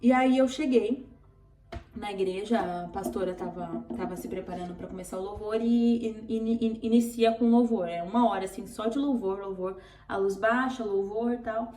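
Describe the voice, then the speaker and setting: A woman's voice: mid-range voice, normal speed, dark tone, soft background music. A Brazilian woman vlogger telling an emotional personal testimony, earnest and tearful, repeating words for emphasis. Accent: Brazilian Portuguese. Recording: roomy, distant from mic.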